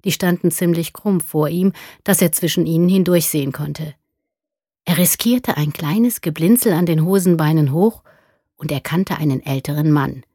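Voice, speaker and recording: A woman reading a literary story aloud in a calm, measured way. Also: low voice, husky, no room sound, clean studio sound. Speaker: reader. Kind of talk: scripted narration of a literary story.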